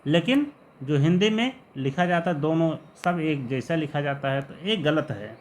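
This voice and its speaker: Male grammar teacher, a touch high-pitched, patient and repetitive explaining. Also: animated, slight background noise. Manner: patient, repeats each example word slowly. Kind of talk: explanatory lesson.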